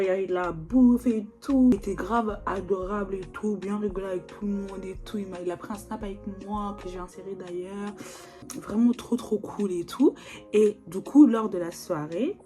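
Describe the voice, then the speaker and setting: A woman's voice: medium pitch, a little mellow. A young woman, chatting casually as a vlogger, slangy and full of fillers, recorded on a phone or video call. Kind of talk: casual chat.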